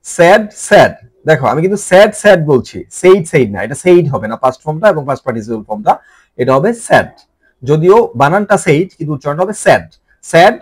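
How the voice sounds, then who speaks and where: A man with a Bengali accent runs an English vocabulary lesson, saying each verb form over and over in a chanting drill. His voice sits somewhat high and swings widely in pitch as he stresses each form. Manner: repeats each word form several times in a sing-song drill. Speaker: English teacher.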